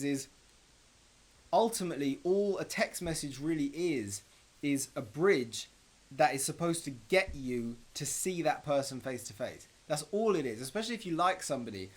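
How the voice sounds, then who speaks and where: A man's voice: fairly high pitch, animated, moderate pace. A man co-hosting a podcast, chatting casually and joking, acting out little scenes as he talks. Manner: playful, jokey, acts out quoted lines. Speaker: podcast co-host. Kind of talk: casual chat.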